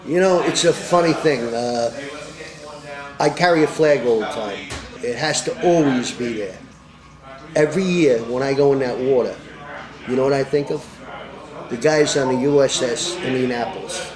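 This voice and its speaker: A man's voice: medium pitch, normal speed, pauses often, roomy sound, crowd noise. Boisterous middle-aged man in a crowded bar. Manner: boisterous, hesitant with many uh fillers. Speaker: polar bear club ringleader. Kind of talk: casual interview.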